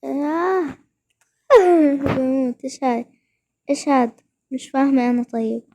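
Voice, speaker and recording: A young woman, giving excited gameplay commentary and repeating words rapidly when thrilled. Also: high voice. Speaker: gaming vlogger.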